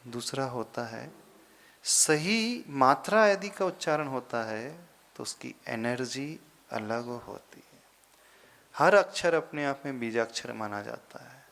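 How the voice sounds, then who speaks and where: A man, a monk, giving a sermon in a slow, deliberate teaching manner, pausing often and rising into sudden emphasis. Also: medium pitch, lively intonation, vocal fry, fairly bright tone. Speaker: Jain monk giving a discourse.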